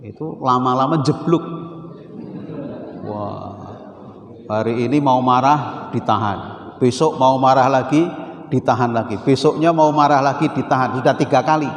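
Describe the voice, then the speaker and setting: A man with a Javanese accent preaching a Sunday morning sermon in a mosque, teasing his listeners with questions and repeating key phrases slowly. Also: medium pitch. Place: mosque hall. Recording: roomy hall echo with faint noise. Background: congregation laughing from far off.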